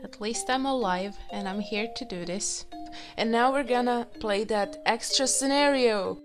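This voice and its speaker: Woman, let's play commentary, hoarse throat, slow drawn-out delivery, faint music underneath. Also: fairly high pitch. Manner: excitable, giggly, reacts with loud exclamations. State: hoarse, recovering from being sick. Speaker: gaming video host.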